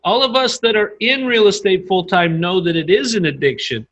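Bright-voiced upbeat male podcast host. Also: sits high, normal speed, poor audio. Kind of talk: conversational interview.

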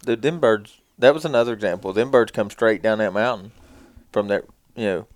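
A man's voice: lowish voice, a little fast, dry recording. A man telling casual hunting stories in folksy, colloquial speech as a podcast co-host.

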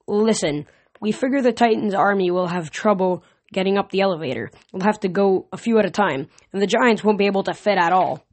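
A woman reading the lines of a worried young male demigod camper in a storybook reading, in her own low-pitched voice. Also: brisk, lightly acted.

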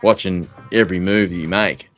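Low-pitched Kiwi man chatting. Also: steady tone, brisk, fairly bright tone, soft background music. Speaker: fishing podcast host. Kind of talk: casual chat.

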